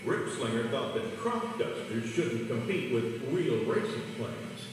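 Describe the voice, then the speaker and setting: Unhurried and lively in his intonation, a medium-pitched man narrates a scripted children's read-along story. Music plays underneath, and the recording has a distant, echoey hall quality.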